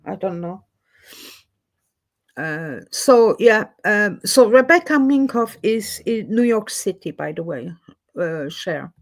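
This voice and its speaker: On her livestream at home in Edinburgh, a Swiss woman whose native language is French talks with viewers in a slow, unhurried, animated way at a mid pitch. She's chatty and rambling, often losing track of what she was saying.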